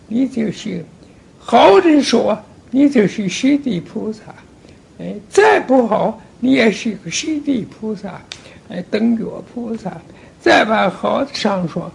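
A man giving a Buddhist sermon, explaining plainly and repeating himself, speaking straight to a listener and often starting with a drawn-out "ai". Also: sits high, creaky, breathy edge. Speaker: Buddhist teacher.

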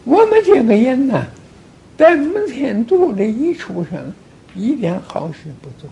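A man delivering a Buddhist sermon in a gravelly voice, his pitch rising and falling a great deal. He explains things plainly and repeats himself, speaking straight to his listener and often starting with a drawn-out "ai". The voice sits high for a man. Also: sing-song, warm tone. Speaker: Buddhist teacher.

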